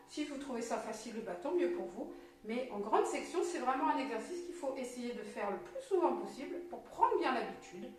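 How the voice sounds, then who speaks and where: A French woman teacher, slowly and clearly sounding out syllables for young children. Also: on the high side, distant mic, slight background noise. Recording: very echoey room, voice from off mic.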